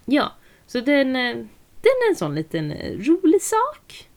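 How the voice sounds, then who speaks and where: A woman's voice: high voice, wildly swooping pitch. A woman chatting casually as a podcast co-host, thoughtful and a little hesitant. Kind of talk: casual chat.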